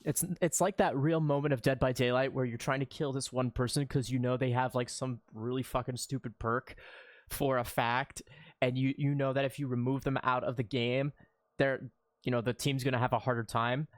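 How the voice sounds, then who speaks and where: A man commentating his game playthrough excitedly, laughing and swearing as he picks choices. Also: medium pitch, normal speed, no echo, clean studio sound. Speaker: gaming streamer. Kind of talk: gaming commentary. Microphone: desk mic.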